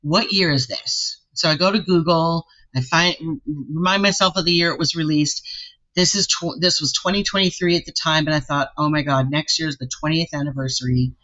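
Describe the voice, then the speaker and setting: A woman vocal artist being interviewed, telling her story casually and lively, acting out what people said, with a deep, soulful voice. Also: fairly quick, highs cut off. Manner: animated, acts out quoted voices.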